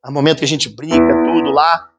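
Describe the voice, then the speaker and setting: A man preaches with fervor from a church stage, his voice sitting a little higher than most men's. He slips into the voices of the people he quotes as he goes. Steady music plays clearly beneath his words. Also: a little fast. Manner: fervent preaching, acts out quoted voices and sounds. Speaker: pastor. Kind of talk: sermon. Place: church conference hall. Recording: sermon with music playing underneath.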